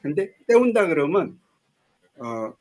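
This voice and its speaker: A man giving his opinion in an online discussion group, in a measured, polite way with fillers and hedges, heard over a video call. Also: fairly high pitch, big pitch swings, a little mellow. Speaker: member of an online reading group.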